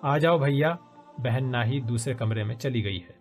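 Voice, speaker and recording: A man's voice: mid-range voice, soft background music, natural voice. A man voicing a shy, emotional young woman who was wounded, speaking in a pleading, tearful way. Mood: soft.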